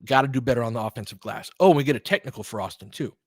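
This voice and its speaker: Very fast and animated, this husky, mid-range male voice delivers fan-side basketball play-by-play in choppy, clipped calls while cheering openly for his side. The sound is clean studio quality without any echo.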